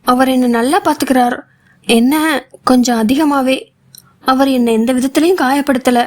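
A woman voicing a quiet, hesitant young married woman who speaks softly and haltingly in an audiobook. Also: high-pitched, fairly even intonation. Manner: soft, halting. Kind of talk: audiobook character voice.

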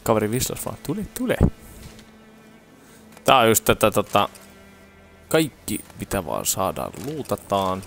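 Young man, casual gameplay commentary, lively pitch, lowish voice, faint music behind. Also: gravelly. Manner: chatty, wry remarks. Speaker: gameplay streamer. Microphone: headset.

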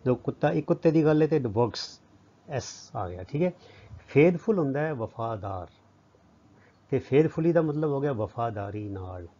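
A male teacher with a Punjabi accent explains English grammar. He asks a question and answers it himself, and he reads the English sentences slowly before translating them. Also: medium pitch, lively intonation, warm tone. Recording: dull lo-fi audio.

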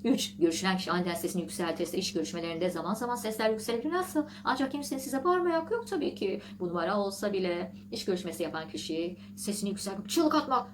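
A woman hosting a casual vlog, reading an article aloud and mocking it with sarcastic asides and shrill outbursts, laughing often. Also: background noise. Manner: laughs often while talking. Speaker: vlog host.

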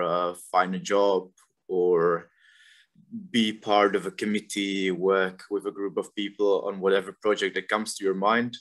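A young man from the Republic, a university student talking casually and thoughtfully about his studies, with frequent fillers. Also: fairly low pitch. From Czech Republic. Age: young adult. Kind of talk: casual informational talk.

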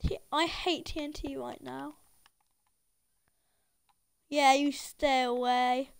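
Woman gamer, very high voice, frantic excitable let's-play commentary, unhurried delivery. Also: creaky, slight background noise. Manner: excitable, frantic shouting and laughing. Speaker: gaming video creator.

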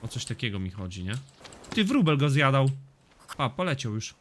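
A man giving casual let's-play commentary on a survival game, swearing freely and reacting loudly to what happens on screen. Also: mid-range voice, very animated, moderate pace, slight background noise. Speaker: gaming YouTuber.

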